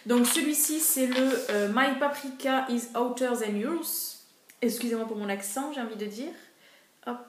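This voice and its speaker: A woman's voice: on the high side, echoey room. A woman vlogger casually reviewing her monthly beauty favorites, chatty and hesitant, with frequent fillers.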